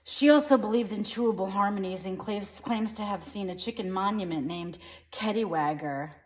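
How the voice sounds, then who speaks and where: Woman in a deadpan comic monologue, rambling, shrugging things off, mid-range voice. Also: mid-range voice, normal speed. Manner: rambling, trails off with dismissive asides. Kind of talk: deadpan comedic character monologue.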